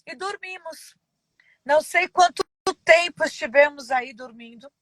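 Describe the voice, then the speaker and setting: A woman pastor giving a personal testimony in an interview, halting and emotional with many pauses and fillers. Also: sits high, fairly bright tone, no echo, poor audio.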